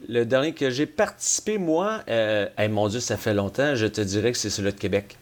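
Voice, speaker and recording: A man from Abitibi with a Québécois French accent talks as a guest in a casual interview. His voice is fairly low. He hesitates often and slips in dry jokes. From Abitibi, Quebec. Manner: hesitant, many "euh" pauses, dry humor. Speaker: guest, game store owner and event organizer.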